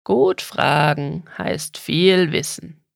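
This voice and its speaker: A storyteller voicing a giant wise turtle with a guttural, rasping voice who speaks in slow riddles. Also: mid-range voice, lively intonation, no echo, studio quality, exaggerated voice. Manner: slow, unhurried, grumbling.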